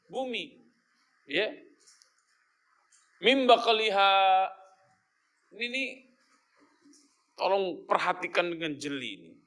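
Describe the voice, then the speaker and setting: A man's voice: sits high, pushed and bright. A man teaching a Quran study lesson. He explains the Arabic word by word and mixes in casual slang and teasing commentary.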